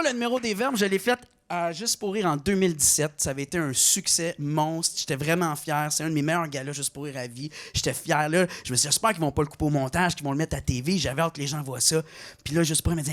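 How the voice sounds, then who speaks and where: A middle-aged man from Quebec, speaking with a Québécois French accent, performs a stand-up comedy routine full of mock outrage and high-pitched punchlines. Audience laughter can be heard in the background.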